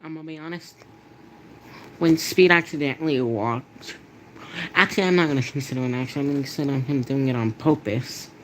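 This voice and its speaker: A man giving casual, rambling commentary on a video, halting and repeating himself. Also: fairly bright tone. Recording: noisy recording with background rumble.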